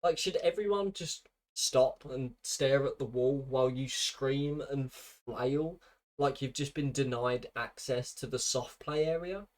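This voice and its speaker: A man's voice: mid-range voice, a little slow. Sardonic British male commentator. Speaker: commentary video narrator.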